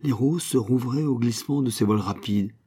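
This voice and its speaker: A man narrating a literary short story in a measured, expressive reading style. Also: mid-range voice, slightly rough.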